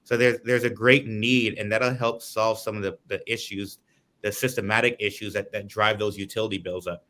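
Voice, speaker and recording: A man's voice: fairly low pitch, steady tone, normal speed, fairly bright tone. A man from Guyana, a political candidate, giving earnest, lengthy answers in an interview over a video call.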